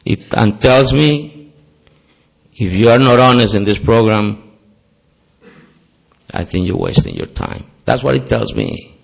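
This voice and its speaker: His low voice swings widely in pitch, yet stays slow, creaky, and slightly rough, with long pauses throughout. The speaker, a Costa Rican man whose first language is Spanish and whose accent is Costa Rican Spanish, gives a sincere testimony with self-deprecating humor at a recovery meeting in a meeting hall.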